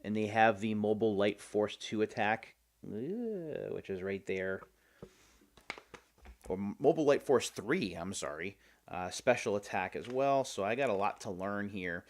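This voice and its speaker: A man's voice: lowish voice, expressive, a little slow. A man hosting a video, giving casual, chatty unboxing commentary and thinking aloud as he goes. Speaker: host of a game unboxing video series.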